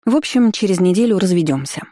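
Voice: medium pitch, animated, fast talker, mellow, dry recording, studio quality, close to an everyday voice. An audiobook reader voicing a flustered young woman who answers hesitantly and sheepishly. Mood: glum.

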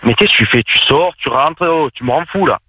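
A man's voice: fairly high pitch, a little fast, bright, forceful tone, slight background noise, rough recording. A man with a Marseille accent on the phone from work, exasperated and repeating himself to get the caller off the line. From Marseille, France. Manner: exasperated, repetitive, brushing people off. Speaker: prank call target. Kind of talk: phone call.

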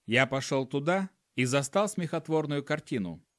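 A man's voice: fairly high pitch, expressive, normal speed, no echo, studio quality. A man narrating a humorous first-person audiobook in a wry storytelling manner. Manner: wry storytelling with acted dialogue.

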